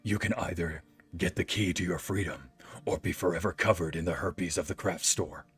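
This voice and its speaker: Jigsaw, put on by a man, low and menacing. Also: fairly bright tone, breathy edge, heavily acted. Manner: slow, menacing, lowered voice. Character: sinister calm male horror game-master villain.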